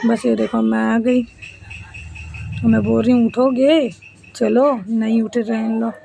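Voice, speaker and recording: A woman's voice: on the high side, little pitch movement, unhurried, creaky, mellow, slight background noise. A woman in her thirties narrating a casual home vlog, chatting with viewers as friends while she cooks and her family plays. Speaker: family vlogger.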